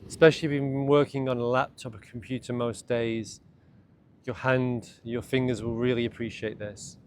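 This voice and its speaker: A man's medium-pitched voice guides listeners through morning meditation and self-massage. He keeps his phrases short, calm, and gentle, with steady ambient noise audible behind him.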